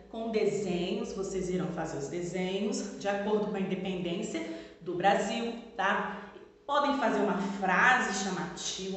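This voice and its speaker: A woman's voice: mid-range voice, fairly bright tone, a little hiss or hum. A woman teacher with a Brazilian Portuguese accent giving a recorded lesson to pupils, stretching words to stress syllables and answering her own questions. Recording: echoey room with long reverb.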